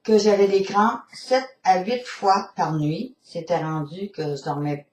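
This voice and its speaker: Speaking with a Québécois French accent, a woman from Quebec offers a hesitant testimonial full of fillers, captured from afar in a roomy space. Her medium-pitched voice is a little mellow at a measured pace, with a little hiss or hum.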